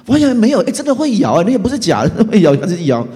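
A middle-aged pastor giving an animated testimony sermon, acting out his own reactions as he tells the story. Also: sits high, racing. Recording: long hall reverb.

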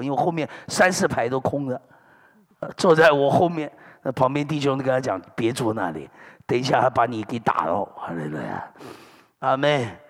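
A middle-aged male pastor preaching a sermon, telling stories with lots of energy and dropping in hallelujahs and amens. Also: medium pitch. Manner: animated storytelling preacher, sprinkling hallelujahs and amens. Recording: long hall reverb.

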